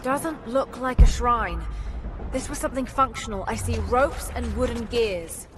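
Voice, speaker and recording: An actress playing a resourceful young woman explorer, calm and thinking aloud. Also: on the high side, a little slow, over music, lightly acted. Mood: focused. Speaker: game protagonist, explorer. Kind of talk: radio field chatter. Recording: noisy game ambience.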